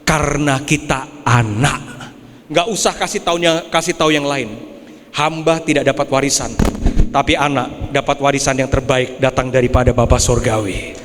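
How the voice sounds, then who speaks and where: A young man preaching a sermon as pastor, animated, swinging from quiet asides to shouted high points. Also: normal speed, slight background noise. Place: church hall. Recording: long hall reverb.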